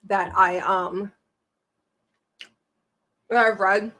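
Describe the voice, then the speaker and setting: A woman's voice: mid-range voice, fairly even intonation, extremely slow, a bit bright. A woman hosting a casual home podcast, chatting in a rambling, joking way. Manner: rambling, self-deprecating, joking. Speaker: podcast host. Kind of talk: casual chat. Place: home room. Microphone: camera mic.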